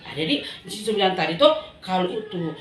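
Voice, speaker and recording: A woman with a Manado Malay accent telling a Bible story to children in an animated way, often asking them questions. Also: lowish voice, brisk, roomy sound, slight background noise. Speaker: Sunday school teacher.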